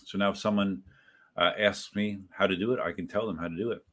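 Low-voiced man rambling on a livestream. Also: fairly even intonation, fairly quick, a bit bright. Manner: rambling and self-correcting, talks to viewers by name. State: has had a few drinks. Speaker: livestream host. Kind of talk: casual livestream chat, reading out chat messages.

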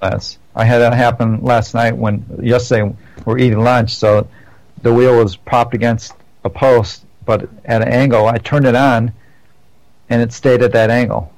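A man's voice: medium pitch, flat delivery, moderate pace, a little mellow, no echo, rough recording. Chatty man trading riding stories. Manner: rambling, with many restarts and self-corrections. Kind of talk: casual chat.

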